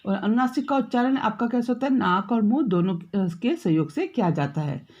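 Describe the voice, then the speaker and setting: A woman teaching a school grammar lesson, explaining step by step, checking in often with her pupils and drawing out example words slowly. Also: fairly high pitch, lively intonation, a little mellow, dull audio. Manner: drawn-out, slowed example words.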